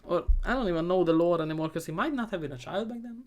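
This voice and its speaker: A man giving a comedic movie recap, sarcastic and profane, rambling and often trailing off into quieter asides. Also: high-pitched, quick pace. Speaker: movie reviewer.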